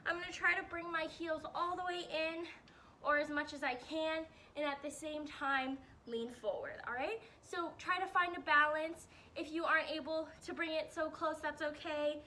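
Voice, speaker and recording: A woman's voice: sits high, steady tone, normal speed, bright, forceful tone, distant mic, slight background noise. Breathless upbeat woman coaching stretches. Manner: upbeat coaching, checks in with "all right?". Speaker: PE teacher. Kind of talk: guided exercise instruction.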